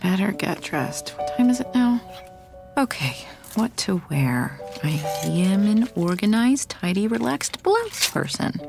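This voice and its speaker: A woman's voice: medium pitch, very animated, unhurried, creaky, music in the background. A woman playing an anxious wife hoping to adopt, who keeps apologizing and talks herself through things in an audio drama. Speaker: wife preparing for an adoption home visit.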